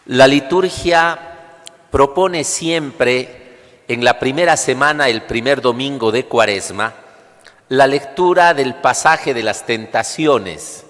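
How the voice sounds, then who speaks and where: A male priest's voice rings through a long, cathedral-like church echo. His pitch sits in the middle as he proclaims and preaches at Mass. The delivery is solemn, deliberate and instructive. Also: a bit bright. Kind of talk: liturgical proclamation and homily. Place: large reverberant church during livestreamed Mass.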